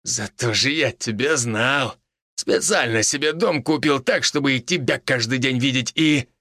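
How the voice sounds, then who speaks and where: A man's voice: medium pitch, unhurried, pushed and bright, dry recording, clean studio sound. A man voicing a gloating old village murderer who drawls and chuckles, in an audiobook reading.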